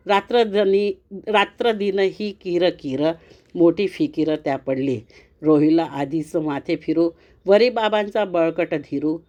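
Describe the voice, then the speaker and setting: A woman reading devotional verse aloud in a slow, measured chanting cadence. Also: sits low, darkish tone. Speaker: devotional reader. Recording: dull lo-fi recording.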